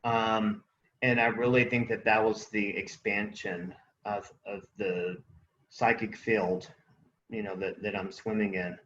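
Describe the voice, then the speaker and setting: A man's voice: lowish voice, level tone, measured pace, a bit bright, echoey room, highs cut off, slight background noise. A man co-hosting a casual spiritual conversation, rambling and searching for words with many fillers. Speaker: podcast co-host.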